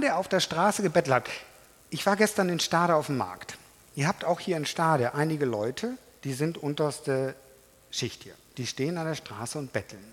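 Middle-aged guy preaching in a church hall, lively up-and-down voice, lots of echo. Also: a little high. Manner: animated, emphatic, talks straight to the audience. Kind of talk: sermon. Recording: reverberant hall.

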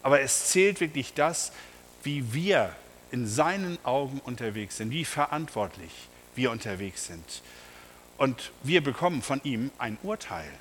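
A man's voice: mid-range voice, sing-song, a little slow, fairly bright tone, big-room sound, slight background noise. A man preaching a sermon, emphatic and speaking straight to his congregation with rhetorical questions. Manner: addresses the congregation directly.

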